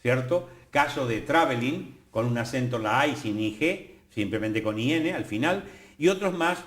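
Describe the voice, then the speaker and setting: An older man with an Argentine accent explaining language on a TV studio program in a professorial, lively way with playful asides. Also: medium pitch, moderate pace. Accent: Argentine Spanish. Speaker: guest, academy president. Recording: roomy studio echo.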